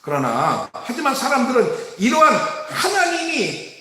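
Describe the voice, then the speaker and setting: A man pastor preaching a sermon with emphasis, rising to shouts and acting out scolding parents. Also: very high-pitched, huge pitch swings, unhurried. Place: church sanctuary. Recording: very echoey church hall.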